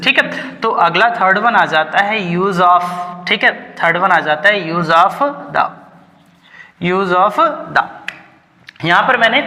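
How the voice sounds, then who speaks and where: Indian man, grammar teacher, high bright voice, long hall reverb, quizzes the class and answers himself. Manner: asks the class questions and answers them himself; keeps saying "ठीक है" between points.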